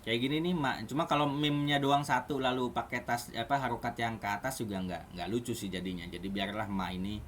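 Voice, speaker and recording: A man's voice: mid-range voice, fairly even intonation, fairly quick, few pauses, fairly bright tone, a little hiss or hum. A man teaching an online Arabic class in a casual, chatty way, often asking his students questions.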